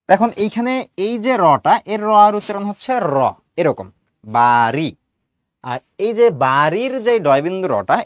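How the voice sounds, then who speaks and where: Male lecturer, quick and animated, slightly high voice, dry close sound, walks students through pronunciation. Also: no room sound. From Bangladesh. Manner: explains step by step, drawing out sounds as examples; colloquial, mixes in English words. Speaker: teacher.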